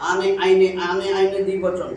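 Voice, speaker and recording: A man's voice: high-pitched, monotone, normal speed, darkish tone, a little hiss or hum. Man teaching in a very echoey room. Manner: explains word by word, repeating terms. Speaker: religious teacher. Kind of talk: classroom Quran lesson. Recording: very echoey room recording from a distance.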